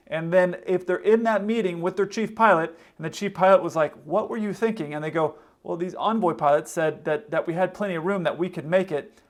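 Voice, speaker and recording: Higher-pitched man giving casual explainer commentary. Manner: conversational, acts out hypothetical quotes. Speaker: host, pilot commentator.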